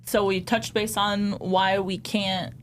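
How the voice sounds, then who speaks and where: A woman's voice: mid-range voice, flat delivery, slow, a little hiss or hum. A woman in her thirties who runs a permanent makeup studio, hosting a podcast in blunt, heated, profane casual chat.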